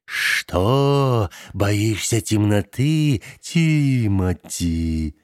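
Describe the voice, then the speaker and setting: Man voicing a spiteful teenage boy, hissing and slow, sneering, storybook role. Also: on the low side, animated, dry recording, clean studio sound. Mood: sneering taunt. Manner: hissing, taunting.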